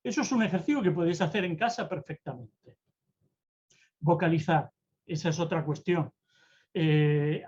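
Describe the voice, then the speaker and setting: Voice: medium pitch, darkish tone. A mentor gives a talk on public speaking over a video call. The delivery is theatrical and moves freely between tones and speeds. The audio is slightly dull and lo-fi. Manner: theatrical, deliberately varies tone and pace. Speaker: presentation-skills mentor.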